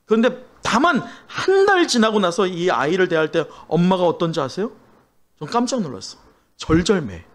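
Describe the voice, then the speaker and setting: A man's voice: high voice, big pitch swings, normal speed. A middle-aged male pastor preaching a sermon, asking the congregation questions as he goes.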